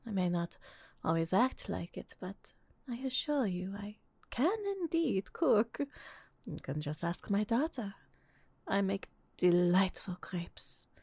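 A tender middle-aged woman, as a woman acts her out speaks to the listener in an unhurried, soft hush. Her voice is husky and breathy, with a pampering, teasing warmth. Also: medium pitch, no room sound. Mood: affectionate. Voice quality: soft, breathy, half-whispered. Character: doting middle-aged French woman, affectionate roommate and mother. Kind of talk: audio roleplay to the listener.

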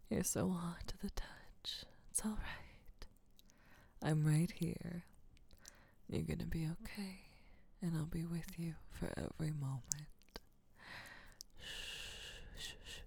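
A woman playing a low, whispery caretaker. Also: creaky, husky, full character voice. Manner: soft whispering, hushing and reassuring. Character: soothing, doting female caretaker. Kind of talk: intimate audio roleplay.

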